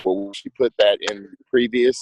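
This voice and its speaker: A man's voice: fairly low pitch, steady tone, normal speed, darkish tone, faint music behind, poor audio. A man asking hesitant questions in an online class, his voice cutting in and out over a video call. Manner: hesitant, many fillers and restarts. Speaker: graduate student.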